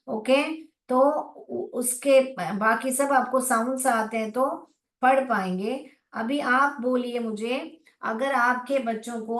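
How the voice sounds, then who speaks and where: Indian English phonics teacher, woman, slow deliberate delivery, roomy echo. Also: fairly high pitch, a bit bright. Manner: slow, spelled-out sounds with repeated checks of "clear?". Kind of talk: online class lecture.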